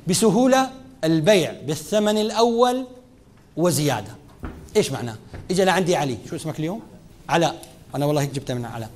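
Rapid, lively lecturer, a man. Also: fairly high pitch. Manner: lively teaching, speaking straight to students, mixing formal and dialect Arabic. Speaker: lecturer on Islamic finance. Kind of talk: classroom lecture.

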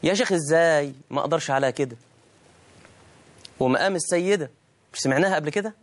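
A middle-aged preacher with an Egyptian Arabic accent gives a sermon in a fairly high-pitched voice, emphatic and drawn out. He slows and raises his tone for scripture, and plays both sides of a dialogue by answering his own imagined questions.

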